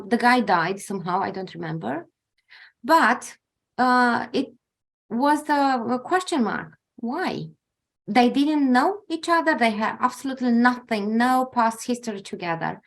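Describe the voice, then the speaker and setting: A woman in her forties hosting a podcast interview, telling a story in a reflective, halting way as she searches for words. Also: fairly high pitch, lively intonation. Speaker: podcast host.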